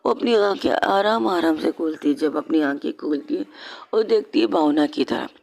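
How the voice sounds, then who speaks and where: A woman's voice: sits low, normal speed, gravelly, a little mellow. A woman narrating a romantic audio story in a conversational way, often repeating phrases and correcting herself.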